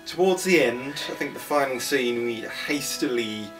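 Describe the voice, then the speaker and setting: Ein junger britischer Mann, Mitschöpfer einer Heimserie, erzählt trocken und belehrend von den Dreharbeiten. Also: male voice, mid-range voice, animated, moderate pace, a bit bright. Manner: wry, lesson-giving. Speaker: co-creator and actor of a home-made series. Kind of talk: casual interview chat. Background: guitar music.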